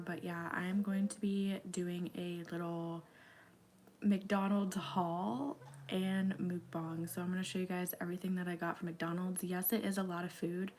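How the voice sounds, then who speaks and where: A young woman hosting a casual livestream eating show, chatting in a rambling way with many fillers and dropping into soft whispers now and then. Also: fairly low pitch, slight background noise. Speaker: livestream host.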